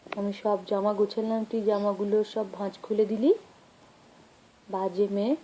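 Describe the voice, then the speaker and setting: Woman, mock-cross and teasing with a toddler at home; very warm, dark tone. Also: medium pitch, level tone, moderate pace, a little hiss or hum, poor audio. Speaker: family member playing with a toddler. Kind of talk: home video baby talk.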